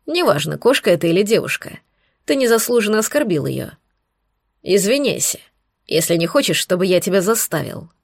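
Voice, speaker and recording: A woman voicing a commanding young male demon prince in an audiobook, stern and measured. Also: mid-range voice, very animated, creaky, dry recording, studio quality.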